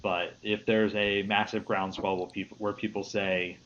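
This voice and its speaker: A man's voice: lowish voice, level tone, a little slow, a bit bright. A man with a Midwestern American accent hosting a casual live-streamed panel chat, easygoing and rambling with frequent restarts. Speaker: host. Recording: lo-fi stream audio with faint hiss.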